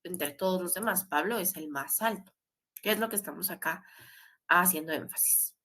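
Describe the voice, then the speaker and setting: A woman's voice: lowish voice, moderate pace, pushed and bright, breathy edge. A woman teaching English grammar in a recorded class. She explains step by step and often adds a questioning tag.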